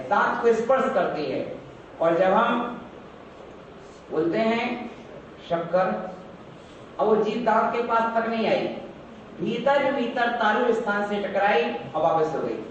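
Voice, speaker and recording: A man, a monk, chants verses slowly and teaches a group how to pronounce each syllable, repeating the sounds for them. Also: very high-pitched, slight background noise. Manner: slow, drawn-out chanting of verses; instructive, repeats syllables for the class. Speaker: Jain monk teaching a prayer recitation. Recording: echoey distant hall, dull lo-fi.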